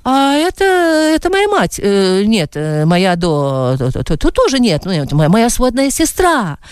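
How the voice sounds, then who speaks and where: A woman's voice: medium pitch, big pitch swings, measured pace, clean tone, no echo, clean studio sound. A woman reading as a stammering flustered suitor. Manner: stammering, pleading. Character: flustered middle-aged man, a nervous suitor.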